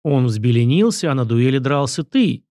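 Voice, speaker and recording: A man's voice: on the high side, expressive, fast, a little mellow, dry recording. A man voicing an old prince, a grandfather who speaks in a dry, knowing, admonishing way. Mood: wry.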